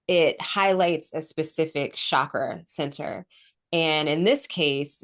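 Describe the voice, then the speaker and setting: A woman with a low, smooth voice co-hosts a casual spiritual podcast. Congested from a cold and with a sore throat, she explains things at length with frequent ums.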